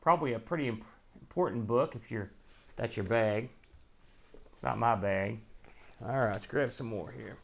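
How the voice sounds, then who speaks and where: Gravelly and medium-pitched, this man moves at a moderate pace and pauses often. As host of a retro computer unboxing show, he muses aloud with relaxed, homespun, spontaneous commentary.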